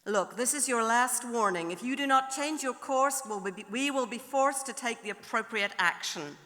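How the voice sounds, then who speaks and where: A woman plays a commanding American navy captain barking clipped, insistent orders in a slightly higher, bright voice. The sound carries a long hall reverb behind it. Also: lively intonation, normal speed.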